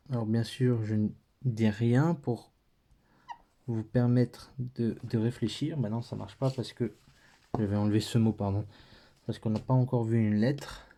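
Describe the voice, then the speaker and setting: A man's voice: mid-range voice, mellow. A man with a French accent teaching a patient, step-by-step lesson, thinking aloud as he writes.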